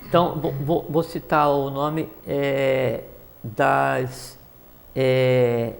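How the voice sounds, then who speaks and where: A man's voice: medium pitch, level tone, very slow, gravelly. Rambling man explaining spirituality. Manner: rambling, many fillers and restarts. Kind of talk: casual explanatory talk.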